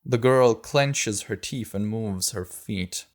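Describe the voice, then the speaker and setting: A man narrating an audiobook in a measured, steady way. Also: lowish voice. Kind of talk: scripted narration.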